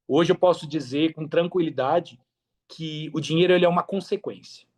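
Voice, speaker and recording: At a normal speed and fairly high pitch, a Brazilian podcast guest talks through his story in a candid, conversational way. He's chatty, often tacking on tag questions and dropping slang.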